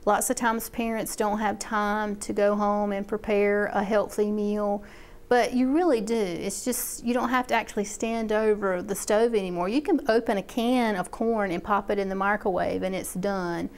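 A middle-aged woman working as an extension agent is interviewed about a program, explaining it in a chatty manner with lots of fillers. Her voice is medium-pitched, steady, and a little mellow, at a normal speed.

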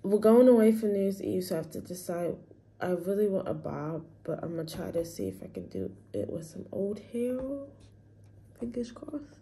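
A woman's voice: lowish voice, very animated, fairly quick, breathy edge. A woman in her twenties chatting casually as a vlogger, thinking aloud while she shops. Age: 20s. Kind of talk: casual vlog chat. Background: loud music in the background.

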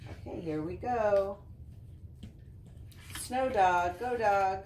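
A woman with a mid-range voice reads a picture book aloud to children in a slow, expressive singsong, adding chatty asides along the way. She's a volunteer in a living room, picked up by a camera a short distance off, so the sound is roomy and distant with faint noise.

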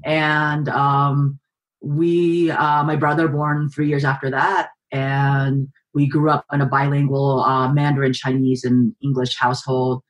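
A thoughtful woman in her forties, from the Bay Area, speaks as an author and journalist guest. Her answers come steadily, with frequent pauses and fillers. She is recorded over a video call webcam in a home living room. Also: extremely low pitch, little pitch movement. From San Francisco Bay Area, US. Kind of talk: reflective interview answers.

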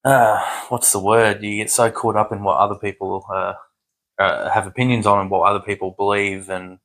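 A man hosting a casual podcast interview, agreeable and halting, nodding along with constant affirmations. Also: on the low side, flat delivery, fairly bright tone. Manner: agreeable, constant "yeah" backchannel, halting restarts. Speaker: podcast host.

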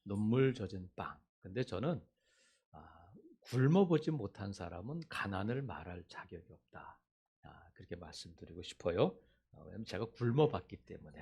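Gravelly middle-aged Korean pastor preaching. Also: male voice, on the low side, very animated, normal speed, dark tone. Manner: conversational preaching, acts out quoted voices. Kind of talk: sermon.

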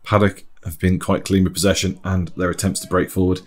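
A man giving relaxed, chatty commentary over an amateur football match, often laughing. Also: low voice, fairly quick.

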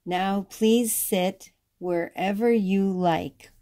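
A woman reading aloud and voicing a friendly, patient female schoolteacher in a kindly, unhurried way. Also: mid-range voice, fairly even intonation, dark tone.

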